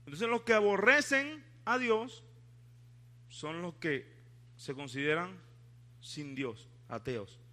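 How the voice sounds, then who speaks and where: Brief: preacher, high, bright and forceful, calls on the congregation. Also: male voice, lively intonation, slow, long pauses. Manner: asks the congregation questions, leads call-and-response. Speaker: pastor. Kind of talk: sermon. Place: church before a congregation.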